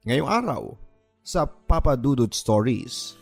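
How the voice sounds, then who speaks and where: Hosting and narrating a story show, this Filipino-accented man reads letters from listeners in a slow, mid-range voice with big swings in pitch and some vocal fry. Background music runs under him.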